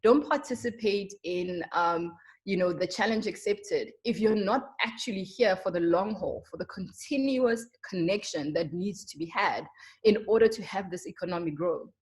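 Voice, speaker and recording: A woman's voice: medium pitch, moderate pace, darkish tone. Earnest young South African woman presenting. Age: young adult. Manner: earnest, emphatic, frequent ums. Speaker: marketer. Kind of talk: webinar presentation.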